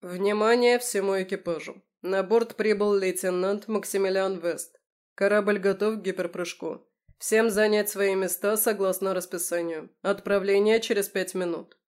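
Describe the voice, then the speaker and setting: Woman reading a calm ship loudspeaker announcer. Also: medium pitch, moderate pace. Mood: commanding. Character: calm, commanding male ship intercom announcer. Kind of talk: audiobook reading.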